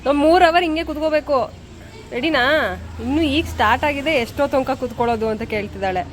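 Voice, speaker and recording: A woman's voice: high-pitched, a little fast, slight background noise. A young woman chatting casually for her vlog in a family home, laughing often and putting questions to the people around her. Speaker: vlogger. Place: family home at an engagement function.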